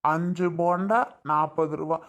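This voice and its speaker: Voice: medium pitch, steady tone, unhurried, close to an everyday voice. A performer playing a pushy street snack vendor hawking his wares with repetitive calls.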